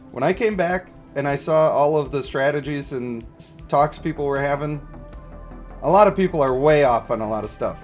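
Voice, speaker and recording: This streamer has a mid-range, somewhat dark voice, and music plays in the background of his game livestream. Chatting informally, he works through viewer comments, explains where he stands, and checks in to see if his audience agrees.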